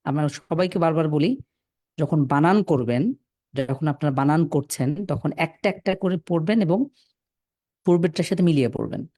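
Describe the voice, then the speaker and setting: A man teaching Quran reading over a video call, patiently but firmly correcting students and spelling letters slowly. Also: fairly high pitch, expressive, dark tone, no echo, clean studio sound. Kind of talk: online class, correcting students.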